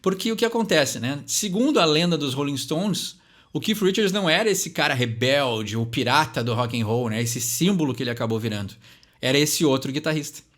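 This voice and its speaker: A man's voice: on the high side, expressive, a bit bright. A young man from Brazil with a Brazilian Portuguese accent, casually breaking down song lyrics as a channel host, tagging "né?" onto his sentences. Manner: chatty, fills pauses with "né?", reads English lines slowly.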